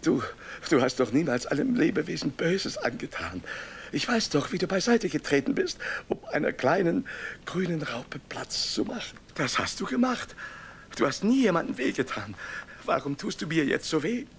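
A gravelly, pleading lonely husband. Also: male voice, on the high side, sing-song, slight background noise. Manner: halting, imploring, gravelly. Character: middle-aged man back from asylum, lonely, pleading. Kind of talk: dubbed 1930s film drama.

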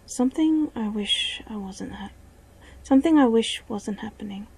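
A woman's voice: mid-range voice, unhurried, vocal fry, slightly rough, poor audio. Woman voicing a brooding young male wolf. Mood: troubled. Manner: soft, partly whispered.

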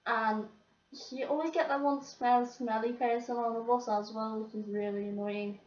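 A woman's voice: a little high, fairly even intonation, normal speed, a little mellow, recorded from a distance. A teenage girl, swearing and complaining as she rants to the camera. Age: teens. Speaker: vlogger. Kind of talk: ranting to camera. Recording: roomy, off-mic, dull lo-fi sound.

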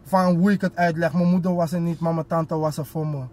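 A man's voice: a little high, fairly even intonation, fairly quick, darkish tone. A young man chatting casually and telling personal stories in street slang mixed with English, with repeated filler phrases. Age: young adult. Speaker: rapper, guest. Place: inside a parked car.

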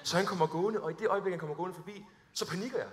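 Young guy preaching at a summer camp, high bright voice, big echoey hall, acts out his funny stories. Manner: lively storytelling, acts out his own awkward moments. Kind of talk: sermon with humorous stories. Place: large hall before an audience. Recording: long hall reverb.

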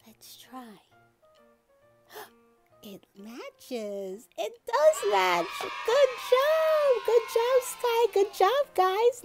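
Woman, toddler-show host. Very slow, high voice, gushing sing-song delivery. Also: darkish tone. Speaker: children's video host. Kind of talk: toddler learning lesson with a puppet.

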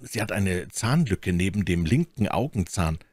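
A man voicing a phlegmatic musketeer who speaks quietly and measuredly. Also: deep voice, expressive, normal speed, slightly rough, no room sound, studio quality. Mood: hushed. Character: calm, phlegmatic older musketeer, low and hushed.

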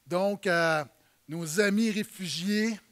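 A man with a Québécois accent, a church leader speaking to a congregation in a halting, warm way with many fillers. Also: high-pitched. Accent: Québécois French.

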